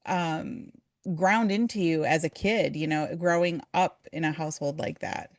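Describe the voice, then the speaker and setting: A woman from Pennsylvania with a flat, nasal voice, hosting a casual interview and asking questions in a chatty way. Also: sits low, measured pace, dry recording, studio quality. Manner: chatty, laughing easily, asks questions. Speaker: podcast host.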